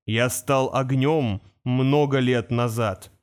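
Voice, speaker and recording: A man voicing an ancient male creature of stone and fire, speaking slowly and ominously. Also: medium pitch, steady tone, lightly acted. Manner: slow, solemn, ominous.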